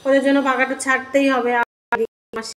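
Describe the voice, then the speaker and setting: A middle-aged woman, hoarse from a cold, chatting homely to viewers as she cooks fish in her kitchen. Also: sits high, level tone, quick pace, fairly bright tone. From Bengal. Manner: chatty, homely, talks to viewers while cooking. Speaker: cooking vlogger. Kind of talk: casual cooking commentary. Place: home kitchen.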